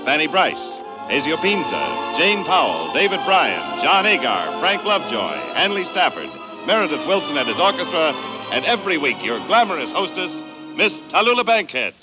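A man's voice: on the high side, very animated, normal speed, rough recording. An American man speaking as an old radio announcer, grandly reading a scripted promotional introduction. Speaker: show announcer. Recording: vintage radio broadcast over music.

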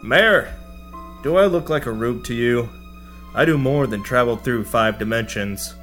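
A man playing a hard-boiled male space detective, narrating in a gruff noir style. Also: medium pitch, a little slow, a bit bright, faint music behind, close to an everyday voice. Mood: cocky. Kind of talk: radio-drama parody.

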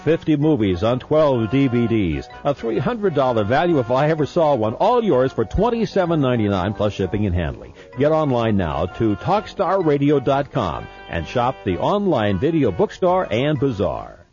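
A man delivering a playful, hard-selling radio infomercial pitch as a commercial announcer. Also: huge pitch swings, normal speed, few pauses, darkish tone. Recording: dull lo-fi radio, faint music.

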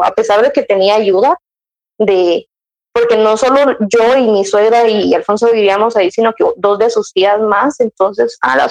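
A woman's voice: on the high side, darkish tone, poor audio. Chatty young woman. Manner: chatty storytelling, acting out her own past words, many restarts. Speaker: guest sharing her motherhood story. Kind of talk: casual chat.

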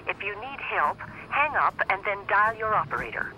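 A man voicing an automated payphone recording that recites calling instructions in a flat way. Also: sits high, normal speed, dull audio, faint music behind, pitched above the performer's own voice. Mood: recited.

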